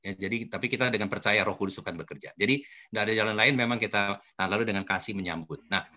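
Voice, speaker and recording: A man's voice: fairly low pitch, fast talker, bright, forceful tone. An older man, a pastor, teaching a church study group and telling personal stories, often addressing listeners directly. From Indonesia. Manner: addresses listeners as "Saudara", storytelling.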